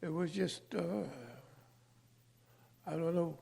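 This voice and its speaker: An older man from California, a veteran being interviewed, who speaks haltingly and searches for his words. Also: fairly high pitch, steady tone, gravelly, mellow, husky. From California, USA. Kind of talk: personal interview.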